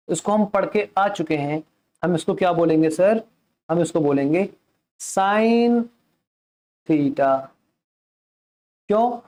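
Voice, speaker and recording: Slow, mellow-voiced male math teacher. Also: sits high. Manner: keeps asking the class questions and answers them himself; mixes English terms into Hindi speech. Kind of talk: classroom math lecture.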